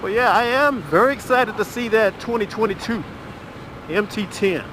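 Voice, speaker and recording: A middle-aged motovlogger with a high-pitched voice chats casually while riding his motorcycle down a rural road. His commentary is relaxed and chatty, full of drawn-out filler pauses. The helmet mic catches plenty of wind, engine, and road noise.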